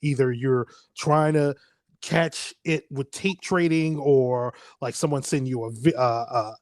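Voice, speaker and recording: A man's voice: mid-range voice, fairly even intonation, measured pace, no room sound. A man, hosting a casual podcast chat, rambling, laughing often and swearing freely. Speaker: podcast host.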